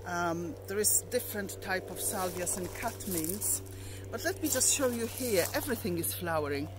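A woman's voice: on the low side, expressive, normal speed, noisy background. A middle-aged woman giving a casual walking tour of her allotment garden outdoors, chatting in a meandering way with plenty of ums and restarts.

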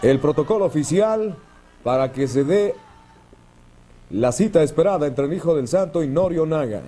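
A man's voice: on the high side, lively intonation, normal speed, mellow. A man with a Mexican accent commentating wrestling play-by-play as a lucha libre announcer, solemn and descriptive.

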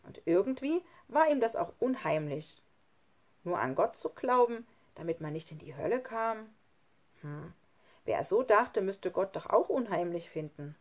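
Lebhafte Vorleserin eines Kinderhörbuchs. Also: female voice, medium pitch, unhurried. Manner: expressive storytelling. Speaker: audiobook reader. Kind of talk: children's audiobook narration.

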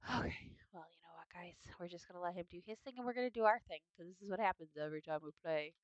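A woman's voice: fairly low pitch, rapid-fire, no echo, muffled recording. A young woman with a sniffly nose giving chatty, playful commentary on a video game at home, now and then breaking into bits of song. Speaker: gaming video host. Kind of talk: casual gameplay commentary.

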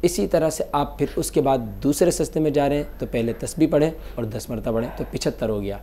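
A man's voice: mid-range voice, fairly quick, warm tone, slight background noise. A man, a mufti on a religious call-in show, patiently explaining prayer rules step by step. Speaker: mufti answering callers.

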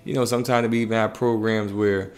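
A fast-talking man in his thirties from Bridgeport, Connecticut, with a fairly low voice and little pitch movement, is interviewed on a casual podcast. A basketball coach and youth facility worker, he tells colloquial anecdotes, frequently asking "you know what I'm saying." It's recorded on a desktop condenser mic in a small indoor room.

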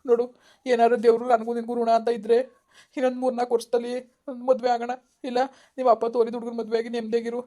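A woman's voice: a little high, fast, close to an everyday voice. A woman playing a poor young man who firmly ends things with his girlfriend, speaking. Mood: resigned. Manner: flat, reasoning, firm.

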